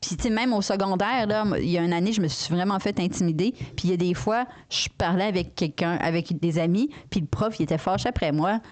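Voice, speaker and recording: A woman's voice: fairly low pitch, fast talker, hardly any pauses, a little mellow. A woman with a Québécois French accent, co-hosting a podcast in casual, rambling, playful chat. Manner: rambling, playful, circles back on her thoughts. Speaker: podcast co-host.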